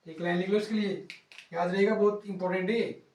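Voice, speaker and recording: A man teaching geography for an exam-prep class. He repeats key words, uses playful rhymes as memory tricks and slows down while he writes. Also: high-pitched, steady tone, darkish tone, distant mic. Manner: pauses to write on a board, drawing out words. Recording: roomy sound from off-mic.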